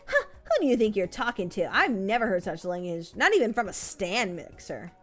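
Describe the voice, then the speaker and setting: Woman doing a prim male robot, huffy, indignant, lively voice. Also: medium pitch, moderate pace, faint music behind. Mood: offended.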